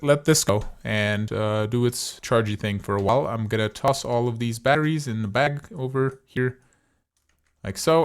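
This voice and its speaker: A man hosts a gaming video in a voice of medium pitch. He comments casually on his play, chatting and thinking aloud as he decides what to try.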